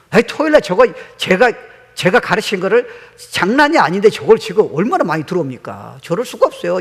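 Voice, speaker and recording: A man's voice: high-pitched, slightly rough. A middle-aged male pastor preaching a sermon, telling stories animatedly and mixing in English words. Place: church sanctuary. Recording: long hall reverb.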